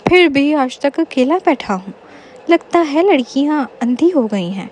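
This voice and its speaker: A woman's voice: high-pitched, expressive, a little mellow, a little hiss or hum. A woman reading as a whiny teasing young man. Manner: teasing, self-pitying. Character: cheeky lonely young man, whiny joker.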